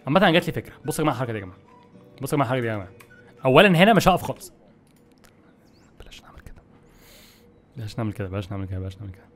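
A young man with an Egyptian Arabic accent, giving excitable, exasperated gameplay commentary to his viewers. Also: fairly high pitch. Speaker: gaming YouTuber.

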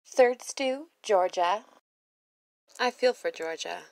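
A woman's voice: mid-range voice, expressive, takes it slowly, vocal fry, darkish tone, no room sound, rough recording. A woman commenting on a reality show in a sassy, blunt voice-over, swearing freely. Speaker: reaction video host.

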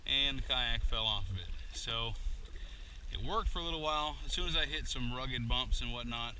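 A man's voice: medium pitch, normal speed, sharp tone, a little hiss or hum. A man chatting in a rambling, self-deprecating way as he paddles a kayak outdoors, recorded on a boat-mounted action camera. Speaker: kayak angler vlogger. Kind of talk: casual narration while paddling.

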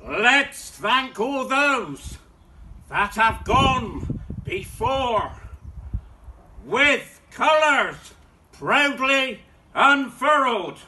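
A British man performing a town crier's cry outdoors, declaiming a loud ceremonial proclamation in short, measured phrases. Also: very high-pitched, expressive, rough recording. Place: outdoors in a paved back garden. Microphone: phone or camera several metres away.

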